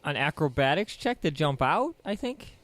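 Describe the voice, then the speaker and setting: A man's voice: a little high, big pitch swings, normal speed, a bit bright, no echo. A man playing a tabletop game, asking the game master questions in a playful, casual way. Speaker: player.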